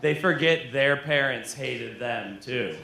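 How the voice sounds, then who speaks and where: A man's voice: medium pitch, slow pace, gravelly, sharp tone, a little hiss or hum. A young man doing a stand-up comedy set in a club, giggling through his jokes and sounding loose and a bit tipsy. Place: comedy club stage with a laughing crowd. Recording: roomy club sound with crowd ambience.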